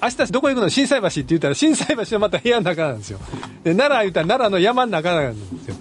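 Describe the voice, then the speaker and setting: Lively high-voiced Kansai man chatting. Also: a little hiss or hum. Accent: Kansai Japanese. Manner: chatty, animated, many quick backchannels. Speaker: podcast host. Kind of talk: casual film chat.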